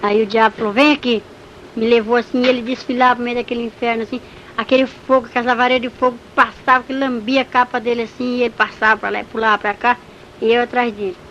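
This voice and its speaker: Higher-voiced woman giving a vivid testimony. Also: little pitch movement, fast talker, fairly bright tone, lo-fi sound, slight background noise. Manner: vivid storytelling, emotional. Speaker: church testimony speaker. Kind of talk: religious testimony.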